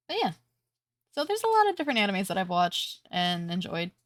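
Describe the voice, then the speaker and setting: A woman streamer chatting casually on a live stream, her voice stuffy and congested, relaxed and rambling with many fillers. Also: medium pitch, normal speed, no echo.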